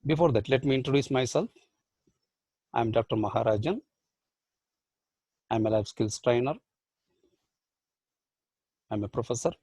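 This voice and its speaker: A man with an Indian English accent, whose first language is Badugu, gives a motivational online lecture as a professor. His voice is gravelly and a little husky, recorded close and dry. He builds his points through rhetorical questions and repeated phrases. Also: medium pitch, unhurried, long pauses, mellow, dry recording. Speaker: professor and life skills trainer.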